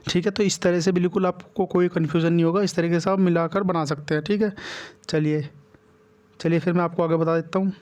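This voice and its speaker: A man with a Hindi accent and a slightly high voice teaches a grammar lesson. He walks through each step at the board and repeats himself often, checking in with his students again and again. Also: flat delivery, a little fast, darkish tone. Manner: repetitive, checks in with "ठीक है" constantly. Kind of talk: whiteboard exam-prep lesson.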